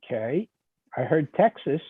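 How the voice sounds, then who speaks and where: A man's voice: fairly high pitch, sing-song, measured pace, husky, dry recording. A man, a guest astronaut, giving short encouraging comments to young people on a video call. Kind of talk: casual remarks on a livestream. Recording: tinny dry phone-like line.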